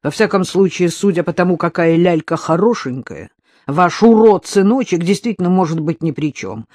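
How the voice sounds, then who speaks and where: A narrator voicing a bold young woman who mocks and accuses loudly. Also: fairly low pitch, expressive, normal speed, dry recording, studio quality. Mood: accusing. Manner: mocking, accusing, loud. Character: bold mocking young woman, fierce and defiant. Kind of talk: audiobook character voice.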